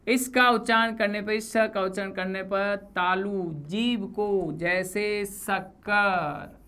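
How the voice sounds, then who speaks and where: A woman teaching Hindi grammar for exam preparation over slides, saying each sound slowly with example words. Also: mid-range voice, fairly even intonation, a bit bright, smooth. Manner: slow, deliberate, spells out sounds with example words. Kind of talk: exam-prep lesson.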